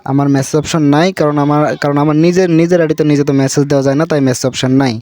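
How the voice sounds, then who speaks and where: A Bangladeshi man hosts an informal, unscripted app tutorial in a fairly high, steady, darkish voice, speaking very fast with no room sound. He repeats points, talks to viewers as brothers, and peppers his speech with check-in tags.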